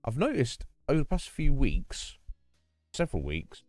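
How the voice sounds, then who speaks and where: His medium-pitched, darkish voice swings hugely in pitch at a normal speed as he hosts a livestream, with no room sound and soft background music. Talking into a desk microphone with a noise gate, he rambles casually to viewers and restarts sentences along the way.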